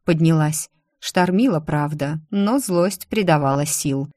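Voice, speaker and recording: Low-voiced woman narrating an audiobook. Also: a little slow, dark tone, dry recording, studio quality. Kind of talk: first-person audiobook narration.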